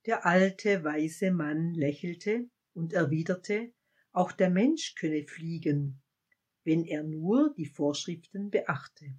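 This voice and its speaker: A woman gently reading a short fable aloud and closing with a warm blessing to her listeners. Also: lowish voice, expressive, husky. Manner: gentle, unhurried, pastoral. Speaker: devotional storyteller.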